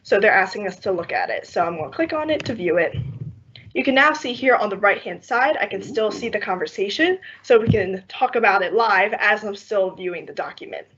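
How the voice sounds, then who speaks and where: Young woman walking through a software demo. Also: medium pitch, brisk. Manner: steady step-by-step explaining with soft laughs. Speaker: workshop trainer. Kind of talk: screen-share software demo. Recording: slightly muffled online call audio with faint noise.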